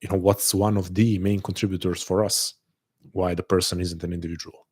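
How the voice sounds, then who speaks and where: Deep-voiced and darkish with a breathy edge, this man speaks fairly quickly and flatly as he hosts a live online call. He's earnest and reflective, thinking aloud with many repeated words and restarted phrases.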